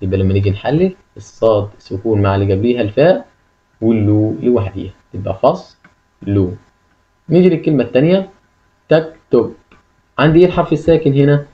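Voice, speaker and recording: Speaking at medium pitch, this man with an Egyptian Arabic accent is expressive and rapid-fire as he delivers a classroom-style lesson. He repeats key phrases and quizzes the listener, and the audio is dull.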